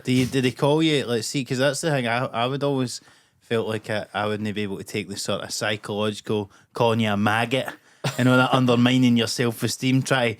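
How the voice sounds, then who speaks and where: A man's voice: medium pitch, flat delivery, a little fast, few pauses. A Scottish man hosting a casual podcast, asking questions in a rambling, sweary, informal way. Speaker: podcast host. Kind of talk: casual chat.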